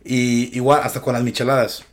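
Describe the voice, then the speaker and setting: A man's voice: medium pitch, little pitch movement, a little fast, a crowd in the background. A Mexican man from Michoacán hosting a podcast, chatting casually with lots of slang and profanity and laughing easily. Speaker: podcast host. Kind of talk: casual chat.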